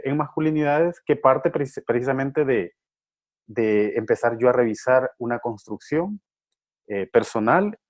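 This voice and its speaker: A man's voice: medium pitch, a little mellow, dull audio. A middle-aged man from Honduras who works with men's groups, talking reflectively with frequent fillers and repeated words. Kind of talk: reflective conversation.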